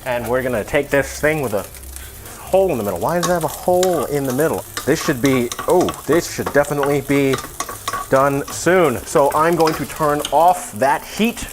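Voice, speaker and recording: A man's voice: a little high, moderate pace, noisy background. A man hosting a comedy cooking video, chatting casually through the steps in a rambling, self-deprecating way with offhand asides. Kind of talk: casual cooking demonstration chat.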